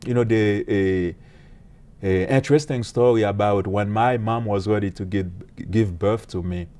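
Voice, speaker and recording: A man, a pastor and police officer telling his story as an interview guest in an earnest, halting way with many fillers. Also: lowish voice, dark tone. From Haiti. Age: late 30s.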